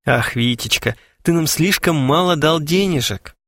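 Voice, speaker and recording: A man's voice: a little high, unhurried, fairly bright tone, no room sound, clean studio sound, voice pushed up. A man voicing a sly, sarcastic young schemer who teases and scolds, in an audiobook. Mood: teasing. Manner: teasing, sarcastic. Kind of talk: audiobook character voice.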